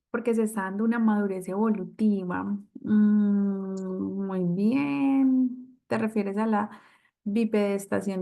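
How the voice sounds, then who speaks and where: A woman's voice: mid-range voice, vocal fry, darkish tone. A woman instructor leading an online class over a video call, reading out and answering students' comments. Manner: reads out and answers participants' comments. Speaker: course instructor.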